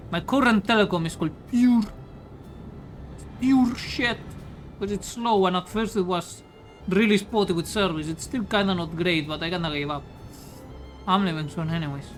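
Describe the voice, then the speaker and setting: A woman from Spain with a Spanish accent streams a game and chats casually, rambling, joking, and speaking crudely into a studio mic with a pop filter. Her voice is fairly low and at normal speed, with soft background music and poor audio.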